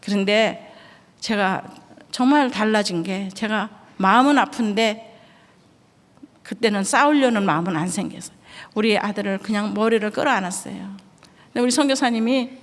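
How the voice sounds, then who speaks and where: A woman's voice: medium pitch, normal speed. Earnest middle-aged woman testifying in a hall. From Korea. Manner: earnest, emotional storytelling. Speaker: missionary giving a testimony. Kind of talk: church testimony. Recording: echoey church hall.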